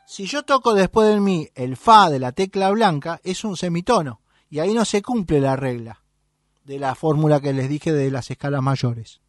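A man's voice: a little high, animated, normal speed, no echo, clean studio sound. A man hosting a radio program, patiently teaching music scales to listeners and checking that they follow along.

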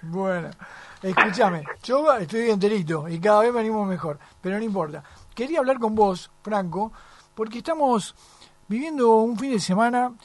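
A man's voice: high voice, expressive, moderate pace, no echo. An Argentine man hosting a casual live radio interview in a chatty, teasing way. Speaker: radio host.

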